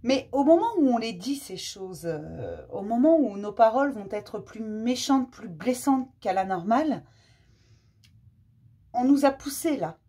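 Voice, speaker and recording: Woman doing a chatty card reading, kinda high voice, reassuring and informal. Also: expressive, a little slow, mellow, breathy edge. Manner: chatty, reassuring, informal, addressing listeners directly. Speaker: host of an oracle card reading channel. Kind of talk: casual spoken card reading to camera.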